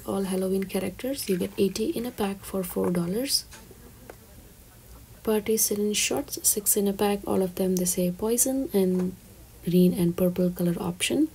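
A woman with a husky, gravelly voice, dark and mellow in tone. She talks quietly and slips into near-whispers as she lists items and prices for her shopping vlog. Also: medium pitch. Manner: soft, half-whispered product walkthrough. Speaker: shopping vlogger. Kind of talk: shop-with-me voice-over.

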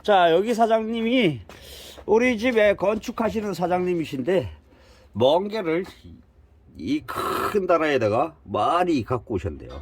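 Older man, lively folksy vlogger. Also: high-pitched, measured pace. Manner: folksy storyteller, chuckling often. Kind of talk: casual vlog narration.

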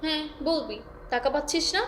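A woman's voice: high voice, fairly quick, fairly bright tone. A woman playing a manipulative younger sister in a short-film drama who gives orders in a bossy, coaxing way. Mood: scheming.

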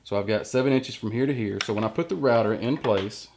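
A man's voice: lowish voice, fast, a little mellow, slight background noise. A man in his thirties, a workshop channel host, explaining step by step how to use a jig while working at the bench in a large indoor woodshop. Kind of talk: hands-on workshop tutorial. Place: large indoor woodworking shop.

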